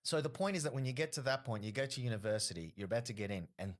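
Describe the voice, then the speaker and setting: An Australian comedian, a guest on a casual podcast interview, tells long, rambling stories in a medium-pitched voice. He talks at a racing pace and fills his speech with frequent fillers.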